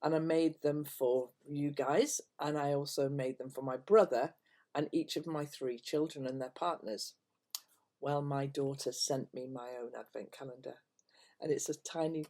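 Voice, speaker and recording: An older woman speaks to camera in a casual, rambling chat. Her delivery is hesitant and meandering, and her phrases often trail away softly at the end. It sounds like an informal vlog made at home. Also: deep voice, steady tone, normal speed. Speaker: vlogger chatting to viewers. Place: at home, indoors.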